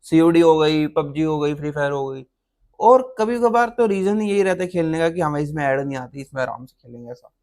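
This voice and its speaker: A man's voice: a little high, expressive, fairly quick, darkish tone. A young man hosting a reaction video, chatting casually with viewers, calling them "bhai" and restarting his sentences as he goes.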